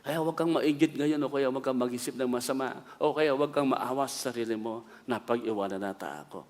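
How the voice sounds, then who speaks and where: A middle-aged Filipino man, a bishop, preaching a sermon with personal stories, often asking "Amen?" and shifting between quiet asides and loud exclamations. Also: mid-range voice, quick pace, long reverb tail. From Philippines.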